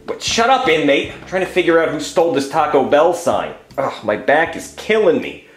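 A man voicing a gruff, impatient male cop. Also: fairly high pitch, big pitch swings, normal speed, echoey room, faint music behind. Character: cranky adult male cop. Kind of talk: puppet comedy acting.

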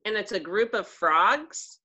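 A woman's voice: medium pitch, expressive, slow pace, pushed and bright, slightly rough, dull audio. A woman answering a quiz question in casual chat, hesitant and full of ums. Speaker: quiz contestant.

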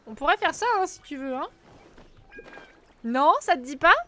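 Her voice sits high and sounds pushed and bright, with lively intonation at a normal speed. She's a Twitch streamer bantering playfully with viewers, teasing them and humming little sung syllables between lines.

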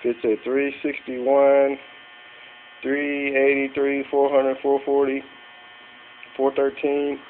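This amateur mechanic speaks in a mid-range voice with a completely flat delivery, taking it slowly and pausing often. He casually narrates engine parts in his cluttered garage, recording on a handheld phone behind the camera. The sound is tinny, with electrical hum.

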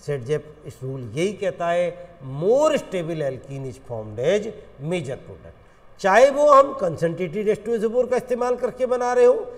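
Lively high-voiced Indian chemistry teacher. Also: male voice, long reverb tail. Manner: animated, coaxing, addresses students as friends. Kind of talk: classroom lecture.

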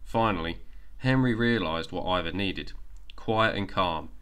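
Male bedtime-story narrator, very low voice, gentle and even. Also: unhurried, smooth.

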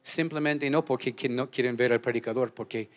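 A male pastor preaching a sermon in a church auditorium, leading call-and-response and swinging from shouted lines to low asides. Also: brisk.

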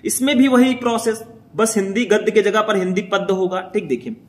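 A young man with a slightly high-pitched voice leads students through an exam paper. He talks briskly and reassuringly, and he checks in often with a quick "okay" to keep the class moving. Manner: brisk, addresses students as brother, frequent "theek" check-ins. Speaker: teacher. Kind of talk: exam paper walkthrough lesson.

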